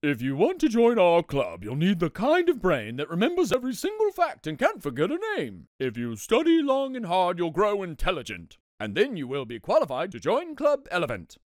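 A woman's voice: lowish voice, wildly swooping pitch, moderate pace, few pauses, a little mellow, no room sound, clean studio sound. A woman doing a pompous, lecturing elephant. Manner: lecturing, huffy. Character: pompous, brainy elephant club leader.

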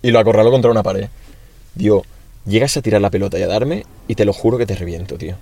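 A young man from Spain with a Peninsular Spanish accent, casually chatting as a podcast co-host and telling animated stories with acted-out voices and sound effects. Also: on the low side, fast, no echo. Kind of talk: casual chat.

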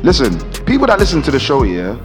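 A man's voice: mid-range voice, wildly swooping pitch, quick pace, music in the background. A man with a London roadman accent, co-hosting a podcast in casual, slang-heavy banter. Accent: London, urban street slang. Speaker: podcast co-host.

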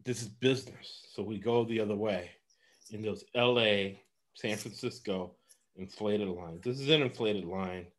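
A man from Los Angeles talks through his sports betting picks in a loose, rambling way, often breaking into laughter. His voice sits a little low. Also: measured pace. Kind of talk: casual sports betting talk.

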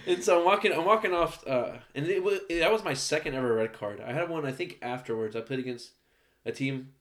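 A man hosting a podcast, telling a story in casual chat, animated and laughing, swearing often. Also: on the high side, brisk. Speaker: podcast host. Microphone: podcast mic.

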